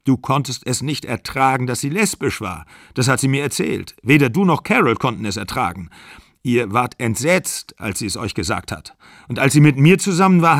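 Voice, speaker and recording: A man playing a furious, wounded aging actor in his sixties who shouts bitter accusations down the phone. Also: medium pitch, dry recording, studio quality, lightly acted.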